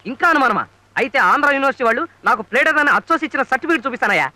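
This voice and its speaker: A bragging small-town lawyer who bluffs and scolds his way through every scene. The voice rides high and rattles along quickly. Every line is a comic film boast. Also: pushed and bright, no echo, heavily acted. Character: boastful, fast-talking small-time male lawyer. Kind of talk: film comedy dialogue.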